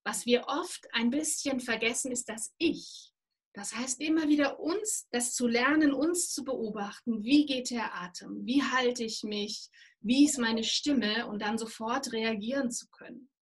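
A woman working as a voice and presentation trainer, explaining calmly and instructively in an interview. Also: a little high, measured pace, husky. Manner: calm, instructive, demonstrates breathing.

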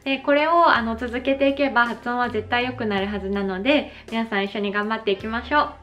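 Slow-talking Japanese woman teaching pronunciation. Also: a little high, steady tone, fairly bright tone, soft background music. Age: 30s. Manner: slow, careful, over-articulated demonstrations. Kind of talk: slow explanatory vlog lesson.

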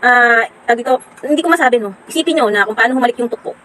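Woman vlogger, indignant sarcastic rant, fairly high voice, quick talker. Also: sharp tone, slight background noise, rough recording. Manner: indignant, sarcastic, talks straight to commenters. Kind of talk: reaction video rant.

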